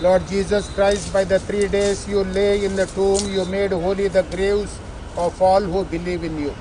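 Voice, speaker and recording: A man reciting solemn graveside funeral prayers as a priest, in a measured, formal way. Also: high-pitched, little pitch movement. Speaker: priest leading funeral rites. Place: outdoors at a cemetery. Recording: noisy outdoor ambience with traffic.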